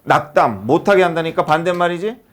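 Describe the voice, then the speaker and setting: A man teaches a high school English class, his voice a little high and his pace a little fast. Full of energy, he asks his students rhetorical question after rhetorical question.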